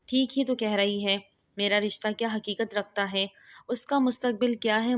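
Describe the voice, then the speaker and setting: A woman's voice: medium pitch, close to an everyday voice. A woman reading the lines of an anxious young bride in a storybook, sorrowful and resigned.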